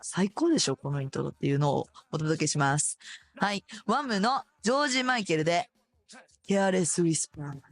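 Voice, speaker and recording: A radio host in her thirties with a Kansai accent and a hoarse voice, chatting casually and animatedly. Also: fairly low pitch, fairly quick. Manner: chatty, animated, laughs often.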